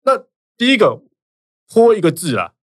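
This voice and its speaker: A man with a Taiwanese Mandarin accent, a lawyer explaining legal cases in casual podcast chat, animated and quick with examples. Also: high voice, dry recording, studio quality.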